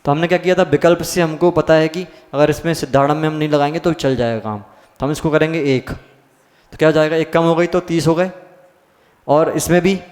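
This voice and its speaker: A man's voice: fairly high pitch, a little mellow. A man, a monk teaching a scripture class, who explains step by step and keeps asking the class questions. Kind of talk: scripture lesson. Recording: long hall reverb.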